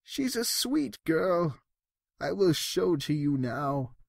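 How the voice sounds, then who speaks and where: A man's voice: a little high, very animated, slow pace, no echo, clean studio sound, exaggerated voice. A man voicing a sly, sinister trickster cat in a storybook, falsely reassuring, with theatrical rhyming talk. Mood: slyly inviting. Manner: smooth-talking, theatrical, rhyming.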